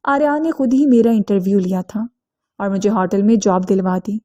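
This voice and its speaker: A woman narrating a first-person story in a steady, earnest scripted reading. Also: medium pitch, highs cut off.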